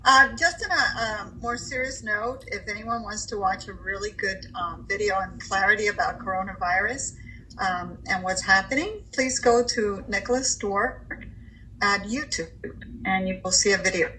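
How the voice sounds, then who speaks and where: An older woman co-hosting a casual chat, speaking in an emphatic, expressive way. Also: medium pitch, moderate pace, a little hiss or hum, low-quality recording. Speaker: co-host.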